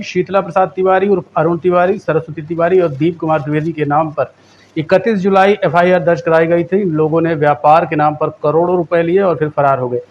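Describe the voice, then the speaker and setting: A man reading a local news bulletin in a steady, formal voice. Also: fairly high pitch, muffled recording. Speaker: news anchor.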